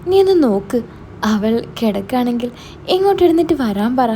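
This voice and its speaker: Stammering mother, evasive, flustered, voiced by a woman, high-ish, mellow tone. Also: big pitch swings, moderate pace, slight background noise. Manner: stammering, hesitant excuses.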